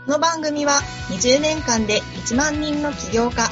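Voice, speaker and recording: A woman's voice: high-pitched, unhurried, dull audio. A woman announcer delivering a scripted introduction to a radio show. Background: music.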